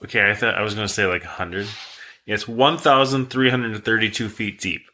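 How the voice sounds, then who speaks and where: A man co-hosting a podcast, casually telling a monster legend and reading facts aloud in a relaxed, rambling way. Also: on the low side, fairly quick. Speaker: podcast co-host telling the story.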